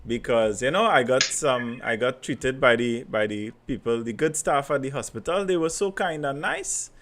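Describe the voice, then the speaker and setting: A man with a Trinidadian accent chatting casually and telling anecdotes in animated Creole, repeating phrases for emphasis. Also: mid-range voice, normal speed, a little hiss or hum. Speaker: podcast host.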